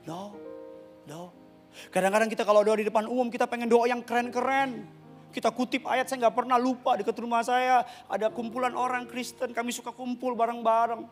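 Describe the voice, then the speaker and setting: A male pastor preaching a sermon in a humorous, conversational way, with loud outbursts at times. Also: very high voice, little pitch movement, brisk, soft background music. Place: church service.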